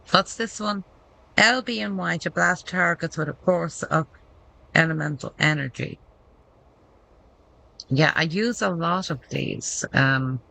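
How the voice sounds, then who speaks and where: A woman talks through her gameplay at a slow, easy pace, reading menu text aloud as she thinks. Her voice is bright and tense, with a gravelly fry underneath. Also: on the low side, rough recording. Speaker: gameplay commentator. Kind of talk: casual gameplay commentary.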